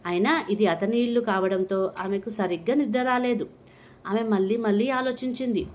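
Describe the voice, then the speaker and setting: A woman narrating a storybook in a steady, even reading voice, giving the dialogue only light expression. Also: mid-range voice, normal speed.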